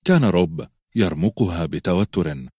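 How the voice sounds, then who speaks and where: Brief: male audiobook reader, lower register, dry studio sound. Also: normal speed, husky, no room sound. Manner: steady storytelling. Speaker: audiobook narrator. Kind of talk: scripted narration.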